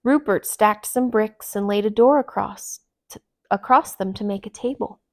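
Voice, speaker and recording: Reading a children's storybook aloud, this woman speaks at a medium pitch with an expressive, deliberate storytelling style.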